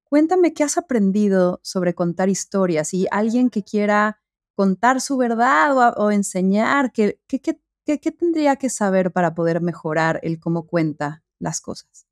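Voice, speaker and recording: A woman's voice: medium pitch, animated, a little slow, no room sound, clean studio sound. A woman hosting a podcast, asking guests curious, open questions. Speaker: podcast host. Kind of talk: interview questions.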